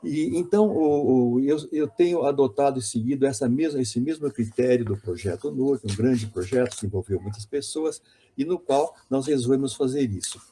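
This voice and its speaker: Dark-voiced man giving a hesitant lecture. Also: mid-range voice, normal speed, husky. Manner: hesitant, repeats words, self-correcting. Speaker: linguistics lecturer. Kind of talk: academic conference lecture.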